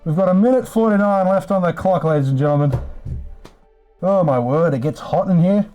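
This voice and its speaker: With background music playing, a man hosts a casual livestream, talking in a sweary, easygoing way and calling viewers mates. His mellow voice sits high and runs a little fast.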